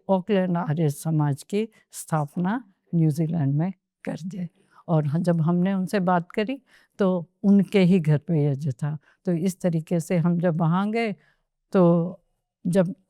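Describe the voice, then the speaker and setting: A woman, a guest on a podcast interview, tells her story unhurriedly and mixes English phrases into her Hindi. Her voice sits low with a dark tone, and the studio-quality recording carries no room sound.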